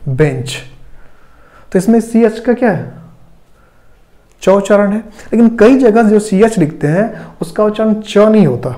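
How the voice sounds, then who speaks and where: A young Indian man gives a classroom grammar lecture, his voice high-pitched yet mellow and soft-edged. He keeps asking questions and then answering them himself, walking through each rule one step at a time. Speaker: English grammar teacher.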